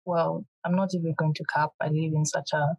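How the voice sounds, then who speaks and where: A young woman from Kenya talks as a guest in a casual interview, animated and prone to restarting her sentences. Her voice sits a little low, and the recording is dry and close with no room sound. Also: fairly quick, no room sound, rough recording. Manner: animated, restarts often, laughs easily.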